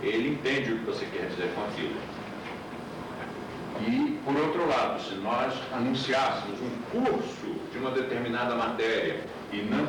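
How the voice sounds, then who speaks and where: A man teaching a class, explaining patiently and asking rhetorical questions, heard from an old VHS tape recording. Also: mid-range voice. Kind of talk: classroom lecture. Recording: echoey, distant, hissy old VHS tape.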